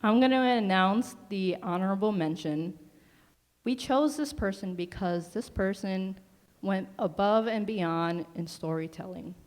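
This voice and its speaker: A woman's voice: medium pitch, a little slow, a little mellow. A woman presenting awards as a fashion show emcee, speaking to a live crowd. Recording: echoey hall, faint crowd noise. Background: crowd and event ambience.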